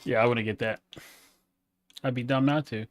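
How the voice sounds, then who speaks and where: A man's voice: mid-range voice, fairly even intonation, normal speed, a little hiss or hum. Casual man commenting while gaming. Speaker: video game player.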